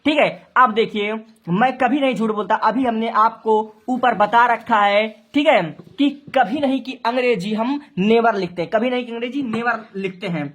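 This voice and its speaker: A woman with a higher voice teaches translation from Hindi to English at a moderate pace with few pauses. Each step gets explained, her own questions get answered, and words are spelled out letter by letter.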